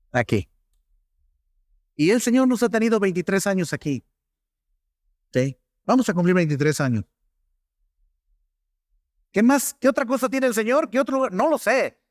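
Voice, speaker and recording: Male pastor, middle-aged, high lively voice, storytelling sermon, dry sound. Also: a little slow, long pauses, dry recording. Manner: anecdotal, conversational preaching with frequent asides to the congregation.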